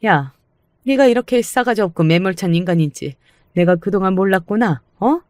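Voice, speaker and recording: A woman's voice: medium pitch, expressive, moderate pace, a little mellow, dry recording, clean studio sound, natural voice. A woman voicing a scheming, bossy older mother-in-law in a radio-style story, with rude, scolding outbursts. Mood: angry.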